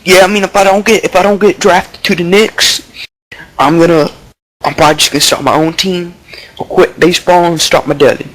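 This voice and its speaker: Poor audio carries a man's high, fairly bright voice, brisk in pace and steady in tone. Improvising a mock interview, he becomes a slow-witted, deli-loving young baseball prospect with Bronx attitude, cocky and rambling, leaning heavily on slang and fillers.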